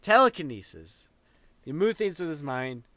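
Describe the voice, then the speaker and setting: A man's voice: mid-range voice, expressive, normal speed, a bit bright, dry recording. A man co-hosting a podcast in casual chat, rambling and playful as he riffs on a topic. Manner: rambling, playful, gestures while talking. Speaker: podcast co-host.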